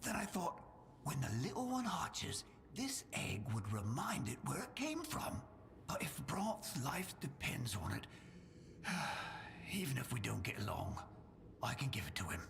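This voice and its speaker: Gruff, gravelly old game creature, humble and deferential, swinging expressively in pitch, faint noise behind. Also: male voice, huge pitch swings, measured pace, a bit bright, heavily acted. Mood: earnest, resigned. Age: older. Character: humble old undersea creature blacksmith, timid and pleading. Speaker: blacksmith and trader character. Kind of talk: scripted video game dialogue.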